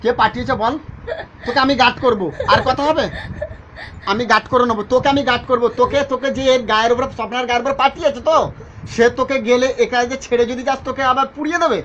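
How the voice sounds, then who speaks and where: A man's voice: extremely high pitch, fairly even intonation, quick pace, a bit bright, dull audio. A man, an exorcist coaxing and questioning someone in a persistent, spoken session outdoors. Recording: noisy outdoor recording.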